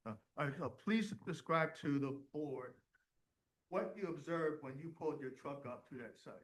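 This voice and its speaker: Male attorney, slightly high voice, formal step-by-step witness questioning. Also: moderate pace, rough recording.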